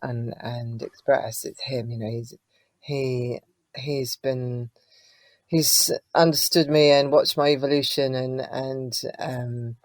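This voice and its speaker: Her voice is extremely low, with fairly even intonation and a slow pace, recorded with no echo. As a guest singer-songwriter, she tells stories in a chatty, warm interview style, leaning heavily on fillers.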